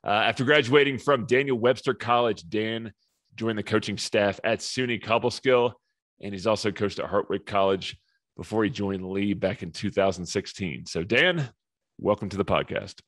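Man, podcast host, low voice, upbeat, dry close sound. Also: normal speed, a bit bright, no echo. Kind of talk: scripted intro and interview questions.

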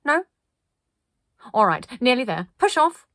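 A woman voicing a bossy, officious woman who leads a group, giving flat, businesslike commands loudly and slowly. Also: medium pitch, no echo, clean studio sound. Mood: anxious.

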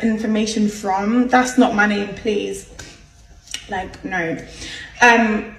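Chatty young woman with a gravelly edge. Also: medium pitch. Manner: chatty, exasperated, many "like" fillers. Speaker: vlogger. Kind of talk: casual story time to camera. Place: bright room indoors. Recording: echoey room, slightly distant, faint hiss.

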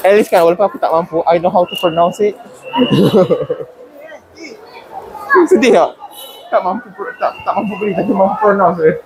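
Vlogger, joking walk-and-talk, animated pitch, noisy phone recording. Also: measured pace, pauses often. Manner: joking, laughs often, mixes in English phrases. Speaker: vlogger walking through a mall. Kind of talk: casual chat while walking. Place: large indoor shopping mall at night.

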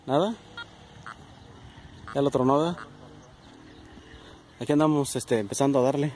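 Un hombre con acento mexicano que narra con tono de charla su búsqueda con detector de metales en un campo, hablándole a sus seguidores como amigos. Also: male voice, mid-range voice, measured pace, darkish tone. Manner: chatty, addresses viewers as friends. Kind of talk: casual outdoor vlog narration. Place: outdoors in a plowed field.

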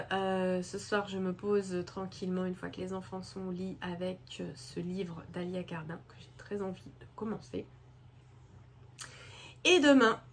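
A woman talks casually about her crafts and reading, wandering from thought to thought with frequent hesitations. Her mid-pitched voice has a gravelly edge, and a faint hiss sits under the recording. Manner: rambling, many hesitations. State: hoarse from a head cold. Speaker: craft vlogger. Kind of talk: casual chat. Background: washing machine running.

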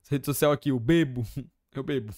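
A young man with a Brazilian accent, streaming and reacting excitedly with lots of slang and exclamations. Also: mid-range voice, fairly quick. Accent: Brazilian Portuguese.

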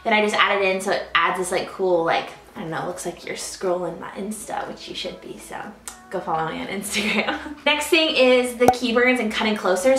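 A bubbly young woman YouTuber giving a casual, chatty how-to talk to camera, with lots of ums and "super simple". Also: medium pitch. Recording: echoey room.

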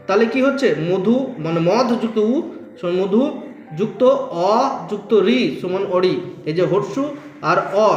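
High-voiced patient male teacher, echoey room. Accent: West Bengal. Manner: patient, repeats words slowly and checks understanding. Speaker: Sanskrit teacher. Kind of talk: classroom-style lesson explanation. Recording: roomy echo.

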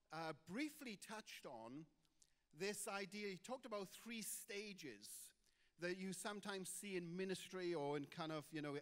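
A man's voice: high voice, a bit bright, smooth, big-room sound. A man with a Welsh accent preaching a Sunday sermon as pastor, chatty and informal, with many fillers and restarts. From Wales. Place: church auditorium.

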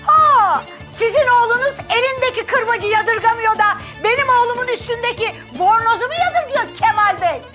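An actress playing a scolding, sharp-tongued mother in her forties in a sitcom. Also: very high-pitched, moderate pace, hardly any pauses, over loud music. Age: 40s. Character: sharp-tongued middle-aged woman, protective mother. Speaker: stepmother. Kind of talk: sitcom acting.

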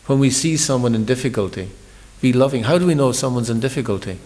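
A man's voice: mid-range voice, expressive, fast, darkish tone, long reverb tail. A man giving a morning scripture class, talking in a conversational storytelling sermon, often repeating words as he restarts. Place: large temple hall.

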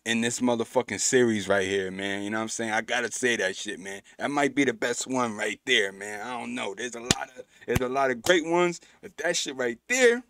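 A man's voice: mid-range voice, brisk, hardly any pauses, a bit bright. A man hosting a reaction video, talking in casual slang with hyped, emphatic praise and stammering restarts.

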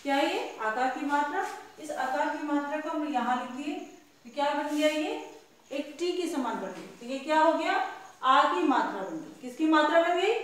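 A woman's voice: high voice, very echoey, a little hiss or hum. A woman teaching young children, asking each question and then answering it herself. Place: classroom.

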